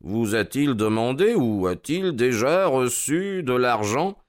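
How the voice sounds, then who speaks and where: A man voicing a calm male detective who asks measured, courteous questions. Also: medium pitch. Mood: probing.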